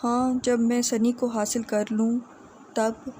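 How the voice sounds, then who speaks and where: A proud, determined young woman in a romance audiobook, read by a woman, speaking firmly with halting pauses. The voice is fairly high and mellow. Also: flat delivery, slight background noise, natural voice. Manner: firm, hesitant pauses.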